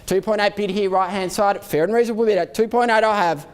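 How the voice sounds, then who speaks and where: High-pitched male auctioneer calling bids. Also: fairly even intonation, fast talker. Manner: auctioneer's calling, repeating bid figures in short rhythmic phrases; formal, courteous address to bidders. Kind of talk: live property auction calling.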